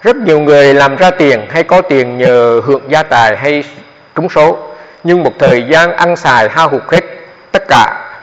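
A male monk explains meditation to his students in a loose, talky way, circling back and repeating words as he goes. His voice sits at a middling pitch and carries a long echo from the hall, captured on a dull, lo-fi recording. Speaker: Buddhist monk teaching meditation. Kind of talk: dharma talk to meditators. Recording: echoey hall, dull lo-fi sound.

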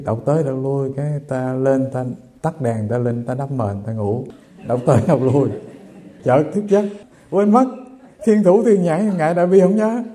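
A middle-aged Buddhist monk giving a humorous sermon, telling stories and acting out the voices of the people in them. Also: male voice, a little high, mellow. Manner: storytelling, humorous, acts out quoted voices.

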